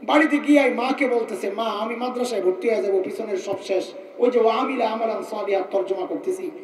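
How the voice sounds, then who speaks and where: High-voiced man preaching in an echoey hall. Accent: Bangladeshi Bengali, colloquial. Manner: animated, chanting Arabic verses in a drawn-out sing-song; asks the crowd questions and jokes with them. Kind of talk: Islamic sermon. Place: mosque or large gathering. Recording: echoey, distant mic with faint noise.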